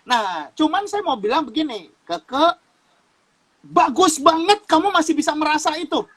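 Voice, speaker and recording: A guest youth speaker from Sumatra, Indonesia, teaches on a casual talk show in a very high-pitched, bright-ish voice with lively intonation at a moderate pace. He explains like a preacher, repeating phrases and laughing along the way. The recording is rough.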